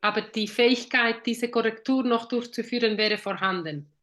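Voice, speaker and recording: A woman therapist reflects on clinical experience in a casual discussion. She thinks aloud, trailing into fillers and correcting herself, in a slightly high voice. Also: normal speed, fairly bright tone. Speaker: therapist in a journal club.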